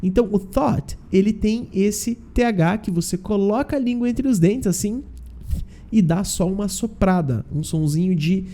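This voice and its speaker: A man from Brazil teaching a casual online language lesson, explaining slowly and drilling pronunciation with frequent check-ins. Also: high voice, mellow. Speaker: English teacher.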